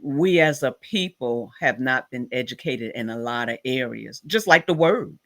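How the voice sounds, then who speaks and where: A man hosting an interview, speaking slowly and searching for his words. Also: mid-range voice, lively intonation, fairly bright tone. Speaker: host. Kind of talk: conversational interview.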